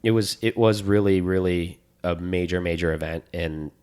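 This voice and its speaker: A podcast co-host speaks at normal speed in a low, clear, resonant voice. In a casual chat, he tells stories animatedly, rambling with plenty of enthusiasm.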